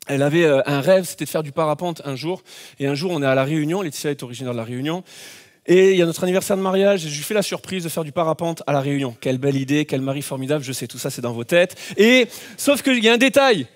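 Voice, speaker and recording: Animated high-voiced male preacher. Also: quick pace. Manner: animated storytelling, acts out scenes with shouts. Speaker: pastor. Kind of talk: sermon.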